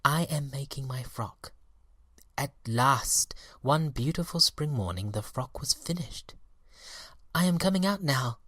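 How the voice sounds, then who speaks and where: Reading a children's story aloud, this man uses a mid-range voice and a careful, expressive storytelling style. The sound is clean studio audio with no room sound.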